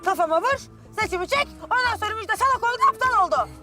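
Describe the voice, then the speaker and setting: A young woman in her late twenties, fed up with her parents. She talks fast and whiny, in a very high, lively voice. Music plays behind her. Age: late 20s. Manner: quick, whiny and exasperated bickering. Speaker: bank employee. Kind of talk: film dialogue.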